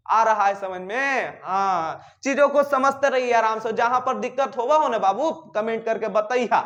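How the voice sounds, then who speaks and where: Male tutor, very high pitch, repetitive question-and-answer teaching style. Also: a bit bright. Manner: repeats questions and answers them himself. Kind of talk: classroom grammar lesson.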